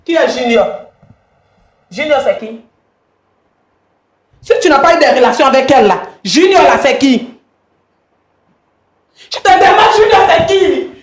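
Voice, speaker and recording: A woman with a very high voice presses accusation after accusation, repeating herself insistently. The room around her is echoey. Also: expressive, a little slow, pauses often. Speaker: wife in a confrontation. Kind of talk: heated argument.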